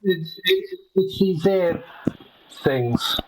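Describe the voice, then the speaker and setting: A man's voice: sits high, noisy background. Man sounding down a well on a cheap mic. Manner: hesitant, halting, with many fillers and restarts. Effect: hollow muffled sound, as if down a well, from a cheap earphone mic. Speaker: player in an online tabletop game. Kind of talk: casual chat over a voice call.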